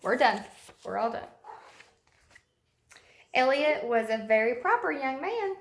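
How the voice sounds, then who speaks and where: Her pitch is high and swings widely as she goes, at a slightly slow pace. She's a preschool teacher at home, reading a storybook to little ones and chatting in plain, child-friendly language, recorded in an echoey indoor room with clear background noise.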